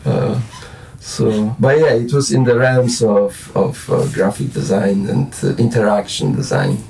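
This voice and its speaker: A Polish guest musician in his forties, accented and rambling, stumbles through a casual late-night interview with frequent restarts and fillers. His voice is on the low side, gravelly and dark, animated yet measured in pace. The mic is far away and catches a faint hiss or hum.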